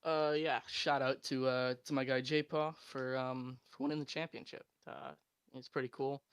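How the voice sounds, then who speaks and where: A man, the second-place racer, answering calmly and matter-of-factly in a post-race interview. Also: medium pitch, normal speed, clean tone, no echo. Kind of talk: casual interview.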